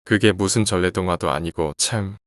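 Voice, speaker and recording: A sharp-tongued middle-aged housewife scolding and brushing others off, as a male narrator reads her lines. The voice sits very low. The sound is dry and close, with no room around it. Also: moderate pace, no echo, natural voice. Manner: scolding, dismissive. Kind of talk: horror story reading.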